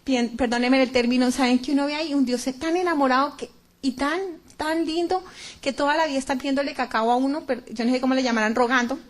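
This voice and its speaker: A woman's voice: high voice, fairly even intonation, quick pace. A middle-aged woman giving a fervent, emphatic religious testimony to a church audience, often repeating words.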